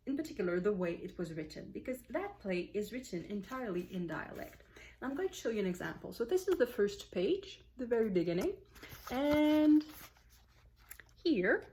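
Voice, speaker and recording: A woman's voice: mid-range voice, darkish tone. A woman giving a casual, thoughtful book review on her vlog, explaining at length with frequent uh and um fillers. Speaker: book vlogger.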